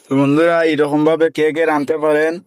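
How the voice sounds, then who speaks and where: A man's voice: a little high, flat delivery, a little fast, a little mellow, clean tone, no room sound. A man, casually commenting to viewers as a friend cooks, teasing and laughing often. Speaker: vlogger filming a friend cooking.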